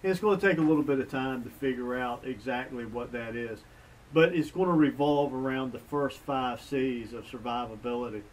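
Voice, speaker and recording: A middle-aged man hosting a bushcraft vlog, talking in a relaxed, folksy, plain-spoken way while sitting outdoors on a front porch. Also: mid-range voice, moderate pace, a little hiss or hum. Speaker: bushcraft channel host. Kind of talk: casual sit-down vlog chat. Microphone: camera mic from a few feet away. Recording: distant mic, faint outdoor ambience.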